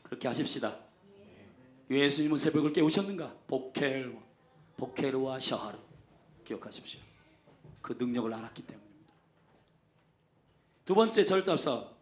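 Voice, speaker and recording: A male pastor preaching a Sunday sermon, emphatic, calling for amens, swinging between loud exclamations and soft asides. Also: medium pitch, animated, moderate pace, pauses often. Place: church sanctuary. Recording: echoey church sanctuary.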